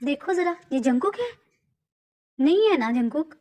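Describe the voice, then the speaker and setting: A woman's voice: sits high, expressive, a little slow, darkish tone, voice pushed up. A woman voicing a frantic young wife in denial over her husband's death, sobbing, stammering and pleading.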